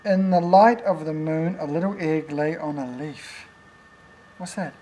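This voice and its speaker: A man's voice: fairly high pitch, a little slow, dark tone, a little hiss or hum. An older man, playfully reading picture books to a toddler at home, with teasing questions and animal noises.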